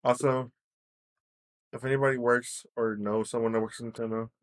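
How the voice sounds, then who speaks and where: A man's voice: mid-range voice, little pitch movement, normal speed. Laid-back male podcast co-host. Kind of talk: casual chat.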